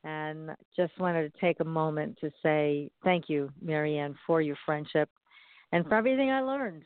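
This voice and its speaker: Low-pitched woman hosting, phone-like sound. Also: normal speed, no echo. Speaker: radio show host. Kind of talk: conversational radio hosting and announcements. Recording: dry, narrow phone-like sound.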